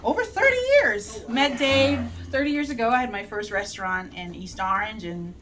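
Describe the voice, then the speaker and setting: A woman who works as an educator, speaking in a measured way with frequent "you know" and "um". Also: a little high, expressive. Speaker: guest, educator. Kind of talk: casual chat. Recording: distant mic in a noisy crowd.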